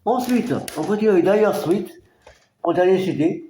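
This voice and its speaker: A man from France casually presenting his record collection, halting and hesitant, with many fillers. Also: high voice, expressive, dark tone, reverberant, a little hiss or hum. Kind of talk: casual collection show-and-tell.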